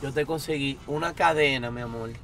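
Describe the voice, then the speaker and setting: A man, a content creator, teasing and joking loudly in playful banter inside a car. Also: medium pitch, a little fast, heavy background noise. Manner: loud, animated, teasing, shouts often.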